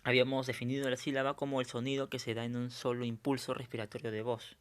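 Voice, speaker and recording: A man's voice: medium pitch, flat delivery, quick pace. A male teacher going over a review lesson, explaining step by step and often checking in with his students.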